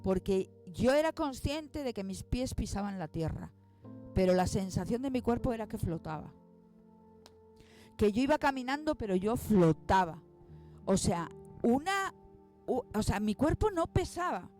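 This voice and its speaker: Lady in her 40s telling her story, emotional, acts out the voices, soft music behind. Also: fairly high pitch, sing-song, measured pace. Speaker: guest. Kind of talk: personal testimony.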